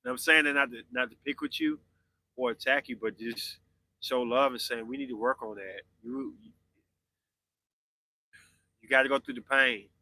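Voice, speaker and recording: A podcast host in his forties chats casually with live viewers, answering their comments loosely and conversationally. His medium-pitched voice is very bright, cutting and sing-song, at normal speed with frequent pauses, and the poor-quality audio is close and dry with no echo.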